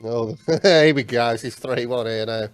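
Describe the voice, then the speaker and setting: A man with a medium-pitched voice co-hosts a football watch-along over music. He reacts casually and bluntly to the play. His talk is matey and full of swearing. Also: a little slow, clear, resonant tone. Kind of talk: casual chat and match reaction.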